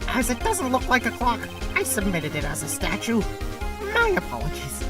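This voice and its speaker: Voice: mid-range voice, wildly swooping pitch, moderate pace. A performer voicing a prissy, nervous male prosecutor in an amateur courtroom game dub, fussy and deferential. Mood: smug, deferential. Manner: fussy, deferential, easily flustered. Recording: distant mic under loud music.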